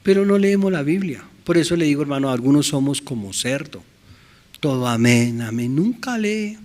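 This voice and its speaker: A man's voice: medium pitch, normal speed, a little mellow. A man with a Bolivian accent preaching a sermon, often questioning the congregation and repeating amen, brothers. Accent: Bolivian Spanish. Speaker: pastor.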